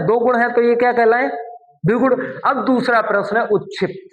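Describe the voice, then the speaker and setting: A man's voice: very high voice, echoey room, lo-fi sound. A man teaching a classroom lesson, explaining step by step and often putting questions to his students. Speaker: Hindi teacher.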